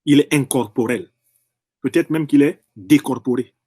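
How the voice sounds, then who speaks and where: A man's voice: medium pitch, moderate pace, a little mellow, slightly rough, no echo, studio quality. A man delivering an impassioned political monologue in French, emphatic and professorial, often repeating and rephrasing phrases to drive a point home. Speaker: political commentator.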